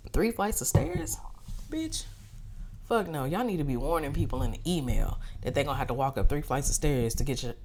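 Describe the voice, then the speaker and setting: A woman's voice: extremely low pitch, a little mellow. A woman vlogger telling a casual, profane story, talking straight to her listeners and acting out what people said. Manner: profane, chatty, addresses listeners as y'all; acts out quoted dialogue.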